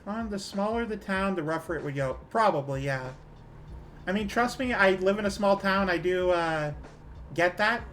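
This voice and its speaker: A woman's voice: mid-range voice, normal speed, a bit bright, a little hiss or hum. A woman with a Canadian accent, chatting casually with her viewers while gaming, rambling with fillers and small laughs. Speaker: streamer.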